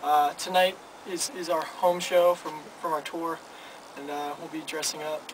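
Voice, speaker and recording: A man's voice: a little high, little pitch movement, normal speed. A man in his twenties, a band's front man, chatting casually in an interview with many restarts. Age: 20s. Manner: rambling, stammering restarts. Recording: noisy, from some distance.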